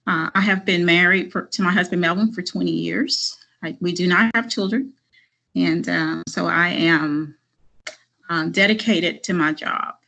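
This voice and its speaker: A middle-aged woman from Arkansas speaking in a formal interview over a video call. Her voice is bright and forceful, pitched a little low, and she talks in an earnest, measured way with frequent ums. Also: vocal fry, low-quality recording. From Arkansas, USA. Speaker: job candidate.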